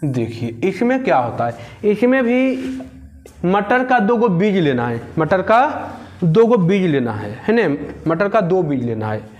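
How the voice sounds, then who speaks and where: Slow, high-voiced teacher drilling. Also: male voice, big pitch swings. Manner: repetitive question-and-answer drilling. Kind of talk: classroom lesson.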